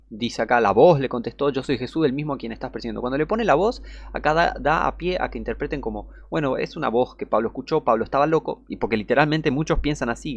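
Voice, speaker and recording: Male Bible teacher, indignant and repetitive, dry close sound, mid pitch. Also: no room sound, dull audio. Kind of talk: heated online Bible teaching.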